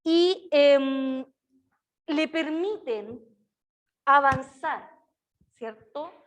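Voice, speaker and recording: High-voiced woman lecturing. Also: extremely slow. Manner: checks in constantly with tag questions to the students; slips into a soft, sing-song baby-talk voice for examples. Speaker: university lecturer in early childhood education. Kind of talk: live classroom lecture.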